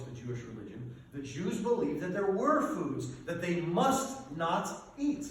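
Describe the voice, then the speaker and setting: A man, a priest, preaching a sermon in an emphatic, animated way, asking rhetorical questions of his congregation. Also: medium pitch, a little hiss or hum. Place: church sanctuary. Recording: echoey church from a distance.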